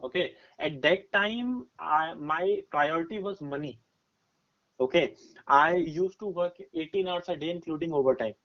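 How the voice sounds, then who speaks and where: A man in his twenties with an Indian accent and a fairly high voice gives career advice as a podcast guest, unhurried, emphatic, and explanatory. He draws on personal examples and often checks that listeners are following, in dull, muffled lo-fi audio.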